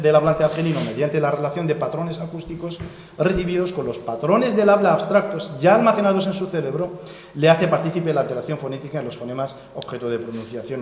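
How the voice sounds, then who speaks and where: Speaking in a darkish, somewhat high voice, a man lectures at a seminar, wandering off topic, restarting often, using lots of fillers and drawing on a board as he goes. The academic talk echoes around the hall with a long reverb, and a little hiss or hum is audible.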